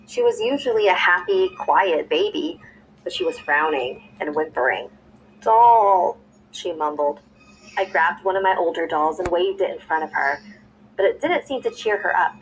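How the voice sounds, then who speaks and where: A young woman telling a scary story in smooth, scripted narration, played back from a video. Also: lowish voice, slight background noise, rough recording. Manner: smooth, even storytelling with a spoken ad read.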